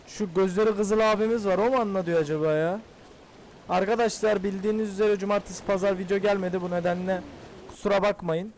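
An excitable young man talks through his gameplay, cursing and pleading with the characters on screen. His voice sits high for a man. Faint noise runs under the recording. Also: quick pace. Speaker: gaming channel host. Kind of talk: casual gameplay commentary.

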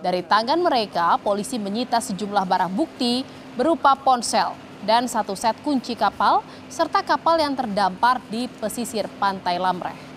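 Fairly high-voiced woman news anchor. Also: expressive, normal speed, a little hiss or hum. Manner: crisp formal delivery. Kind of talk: studio news reading. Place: TV studio.

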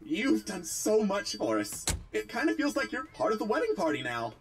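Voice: medium pitch, wildly swooping pitch, normal speed. An actor playing a bubbly robot customer about to get married in a video game, heard through a robot voice effect. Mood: eager. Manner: bubbly, eager requests. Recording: game audio over music.

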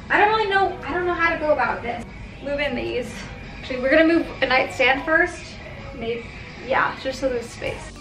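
Bubbly high-voiced young woman vlogging. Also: fairly bright tone, poor audio. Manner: bubbly, chatty, many "like" fillers. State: out of breath. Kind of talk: casual vlog chat. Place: her bedroom at home.

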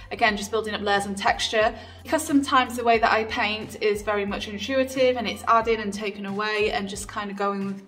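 Female tutorial host, easygoing and chatty, a bit off-mic, soft music behind. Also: mid-range voice, recorded from a distance. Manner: chatty, relaxed, with frequent ums. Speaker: furniture painting tutor. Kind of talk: casual tutorial voice-over.

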